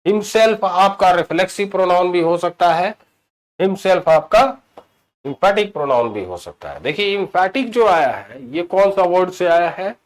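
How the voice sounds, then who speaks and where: A man teaching English grammar in a classroom-style video lesson. He mixes Hindi with English terms, stresses key words and slows right down for example sentences. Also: high-pitched, animated. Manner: explains in Hindi mixed with English terms, asks "ठीक है?" often.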